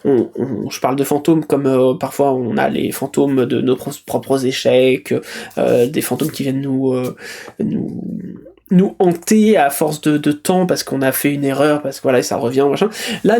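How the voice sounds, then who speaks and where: A man's voice: mid-range voice, unhurried, creaky, mellow. A man hosting a live stream, reading out chat messages and musing on them in a casual, hesitant way, with frequent fillers and restarts. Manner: hesitant, many euh fillers and restarts, thinking aloud.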